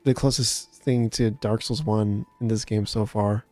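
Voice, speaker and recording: A man playing a video game and chatting casually, laid-back and rambling with frequent halting restarts. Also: lowish voice, fairly even intonation, dark tone, no room sound. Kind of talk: casual let's-play chat.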